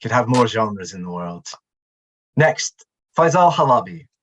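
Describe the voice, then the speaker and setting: Relaxed New man hosting a panel. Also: fairly low pitch, unhurried, rough recording. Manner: relaxed, encouraging, with frequent fillers. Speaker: panel host.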